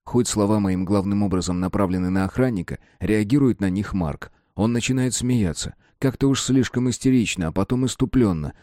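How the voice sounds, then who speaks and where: A man narrating a novel in the first person in a measured, even reading. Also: lowish voice, no room sound, clean studio sound. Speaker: audiobook narrator.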